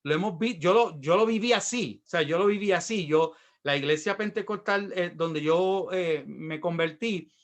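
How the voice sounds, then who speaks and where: A man's voice: high-pitched, normal speed, hardly any pauses. A middle-aged man with a Puerto Rican accent, a pastor telling his own story in a sermon and acting out the voices of the people in it. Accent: Puerto Rican Spanish. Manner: storytelling, acts out quoted voices. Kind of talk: sermon with personal testimony.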